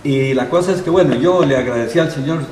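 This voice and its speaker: Here the older interview guest, who has a Costa Rican accent, talks quickly at a fairly high pitch as he relates a long anecdote. He performs the quoted dialogue of its characters like a lively storyteller, recorded at a live show with a roomy, distant sound and background noise.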